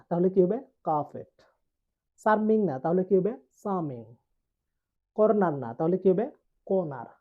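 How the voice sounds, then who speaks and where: A man gives an English pronunciation lesson for his channel. He drills word after word in a steady call-and-answer pattern. The sound is narrow and tinny, as if it came through a phone. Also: high-pitched. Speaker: English teacher.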